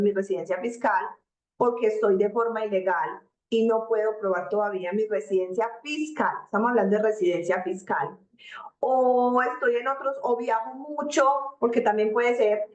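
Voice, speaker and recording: A woman lectures on taxes in a reverberant room. Her voice sits a little high for a woman. She keeps things conversational, checks in with "¿cierto?" and slips into the voices of example taxpayers. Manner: acts out example taxpayers in quoted asides. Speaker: tax lecturer. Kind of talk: explanatory tax seminar talk. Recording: echoey room.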